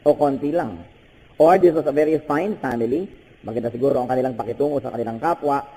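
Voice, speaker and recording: An older man with a Filipino accent, preaching a sermon with animated bursts and switching between Tagalog and English. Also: quick pace, slight background noise. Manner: animated preaching with sudden high-pitched bursts. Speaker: pastor. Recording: hall with long reverb.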